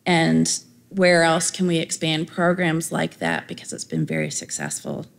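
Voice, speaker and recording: A woman giving a conference presentation with a gravelly voice and some fillers. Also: deep voice.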